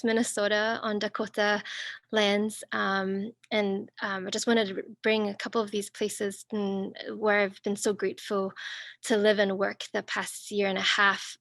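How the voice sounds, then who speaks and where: A guest speaker from Singapore and northern Thailand, she gives an academic talk on a video call in a mid-range, fairly bright voice. She sounds thoughtful and exploratory, full of pauses and restarts, captured in a dry recording.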